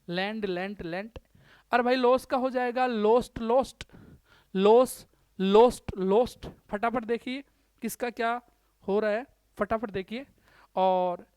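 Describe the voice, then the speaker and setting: A man's voice: very high-pitched, clean tone, no echo. A man from India with a Rajasthani Hindi accent, teaching English grammar in a classroom-style lecture. He drills verb forms by saying them over and over and talks to his students as brother. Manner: drills word forms aloud by repetition; chatty, addresses students as brother.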